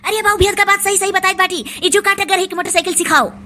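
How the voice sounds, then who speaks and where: A woman doing a squeaky, fast bossy village man. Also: fairly even intonation, bright, forceful tone, a little hiss or hum. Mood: urging. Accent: Awadhi. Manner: bossy, urging. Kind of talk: cartoon voice acting.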